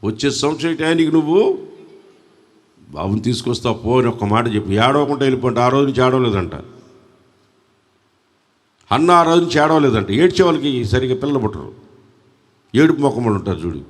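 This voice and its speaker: A man's voice: mid-range voice, animated, fast, pauses often, big-room sound. A man with a Telugu accent preaching a sermon at a church service, fervently calling on the congregation to respond. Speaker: pastor.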